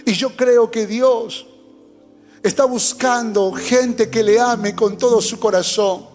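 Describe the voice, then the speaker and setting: A man's voice: extremely high pitch, steady tone, takes it slowly, a little mellow. A man preaching a sermon as pastor, fervent and urging, sharing his testimony. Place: church hall. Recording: long hall reverb with faint music.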